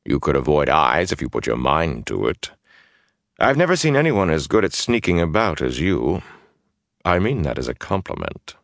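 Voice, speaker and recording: A man playing a wary older gleeman with a very deep voice, measured and guarded, his dry wit kept close. The recording is dry and intimate, with no room sound. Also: big pitch swings, vocal fry, fairly bright tone, dry recording, exaggerated voice.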